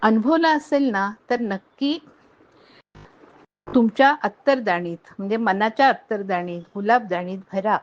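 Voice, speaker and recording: A middle-aged woman reads a heartfelt short story at an unhurried pace, her voice sitting in a middle pitch. She is gentle and measured, lifting her voice for the lines spoken by people in the story. The recording sounds a little dull and muffled. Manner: gentle, measured, lifts voice for quoted speech. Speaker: narrator reading a story aloud. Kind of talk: expressive storytelling reading.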